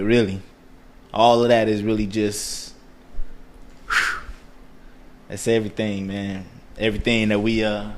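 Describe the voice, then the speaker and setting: Lower-voiced rambling man. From Miami, Florida. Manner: rambling, animated storytelling. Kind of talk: casual podcast chat.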